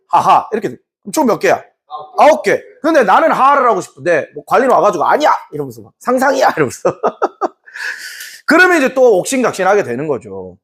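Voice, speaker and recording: Lively high-voiced male history teacher. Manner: animated, acts out short scenes in put-on voices. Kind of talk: classroom lecture.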